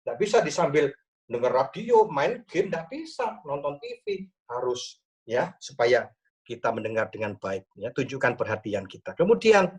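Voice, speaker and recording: A male pastor giving a lively church talk on marriage over a video call, with frequent "ya" tags. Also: mid-range voice, moderate pace, distant mic, muffled recording.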